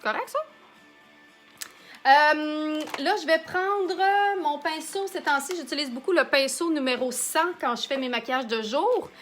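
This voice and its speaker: Bright, high-voiced Québécois woman. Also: measured pace, faint music behind. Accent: Québécois French. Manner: chatty, answers viewer comments while working. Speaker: makeup artist hosting a live stream. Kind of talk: live makeup demonstration.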